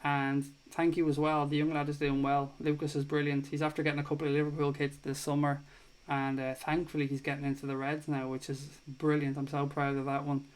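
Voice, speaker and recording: Fairly high-pitched and a touch fast, his delivery is completely flat. He's an Irish man in his 30s running a laid-back live football chat stream, where he reads viewer comments, swears now and again, and thanks viewers with warmth.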